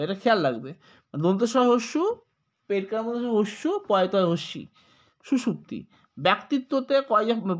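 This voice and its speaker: A man with a high voice and a Bengali accent teaches spelling to exam students. He dictates corrections slowly, spells each word out letter by letter and repeats the key points patiently. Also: fairly bright tone. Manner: slow, repetitive, spells words letter by letter. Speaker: exam tutor.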